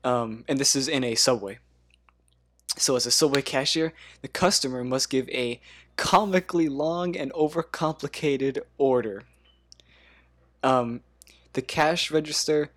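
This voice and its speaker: Male podcast host, mid-pitched, halting, laughs a lot. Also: fairly bright tone. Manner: halting with many ums, laughs often. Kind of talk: casual podcast game hosting.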